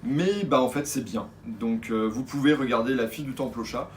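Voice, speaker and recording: A man's voice: medium pitch, fairly quick, slight background noise. A man co-hosting a casual shop video about new manga, enthusiastic and rambling with hesitations. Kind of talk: casual chat presenting new manga releases. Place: shop indoors.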